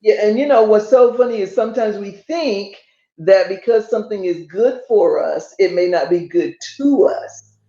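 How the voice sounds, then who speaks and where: An older woman hosts a podcast in a casual interview, chatty and excitable, stressing her points by saying them again. Her voice sits in a middle range. The sound is dull and lo-fi, with a roomy echo around it. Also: medium pitch, moderate pace. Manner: enthusiastic, chatty, emphatic repetition. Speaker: podcast host.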